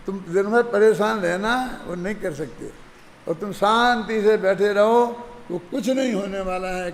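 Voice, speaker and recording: Older man giving a religious discourse, gravelly. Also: sits high. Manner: conversational, checks listeners often. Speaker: Jain scripture teacher. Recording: hall reverb with faint ambient noise.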